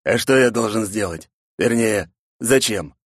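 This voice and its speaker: A man's voice: on the low side, measured pace, dry recording. Audiobook figure: smug, grandiose villainous boss, read by a man. Dry close mic. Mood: dismissive. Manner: lazy drawl turning to pompous speeches. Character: arrogant, callous male boss, grandiose and mocking. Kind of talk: audiobook character voice.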